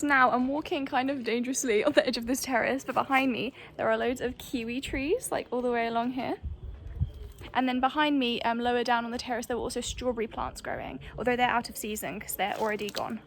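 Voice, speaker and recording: A woman's voice: a little high, steady tone, a little fast. A young woman vlogging casually outdoors on hillside farmland, talking loosely to a handheld camera with fillers and laughs, a little out of breath from walking uphill. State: slightly out of breath. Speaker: travel vlogger.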